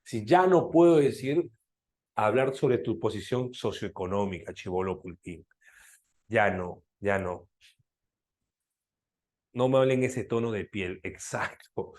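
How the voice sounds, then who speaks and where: A man's voice: lowish voice, lively intonation, slow pace, long pauses, darkish tone. A man with a Peruvian accent teaching a live language class, teasing his students and often asking them to confirm they follow. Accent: Peruvian Spanish.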